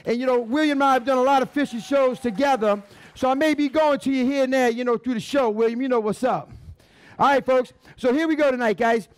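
A man's voice: very high voice, fast, clean tone, no room sound. A middle-aged man, hosting a live cooking show as a chef in a folksy showman's way, talking straight to his audience on a headset mic. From Louisiana. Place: restaurant dining room stage, indoors.

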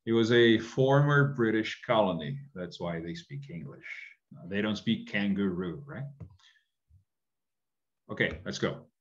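A man's voice: on the low side, animated, measured pace. A middle-aged man teaching an online English lesson, explaining patiently and often checking in with "right?", recorded on a webcam indoors. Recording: dull lo-fi webcam audio.

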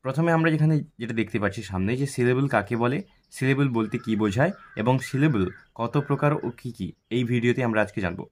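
A man teaching an English grammar lesson. He asks questions and answers them himself, and repeats words slowly, syllable by syllable. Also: medium pitch, lively intonation, slight background noise.

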